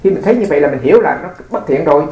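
A man's voice: fairly high pitch, lively intonation, rapid-fire, dark tone. A man, a Buddhist monk giving a dharma talk and answering questions. He explains with rhetorical asides and drops in English words. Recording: echoey room recording.

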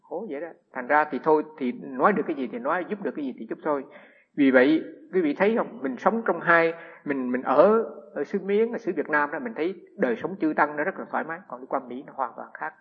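A man, a Buddhist monk giving a humorous storytelling sermon with lively anecdotes and frequent restarts. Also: a little high, fast, slightly rough. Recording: echoey hall, dull lo-fi sound.

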